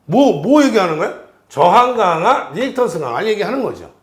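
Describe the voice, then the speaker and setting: Male lecturer, high, lively voice, keeps quizzing students; roomy echo. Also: brisk. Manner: animated, questions students constantly. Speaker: exam prep instructor.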